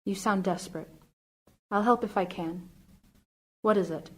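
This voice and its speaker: A woman's voice: mid-range voice, a little slow, natural voice. An actress playing a young woman who is curt and prim with a stranger, then screams for help. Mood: cool guarded. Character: guarded young wife, frightened then relieved. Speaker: actor. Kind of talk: stage or radio play acting.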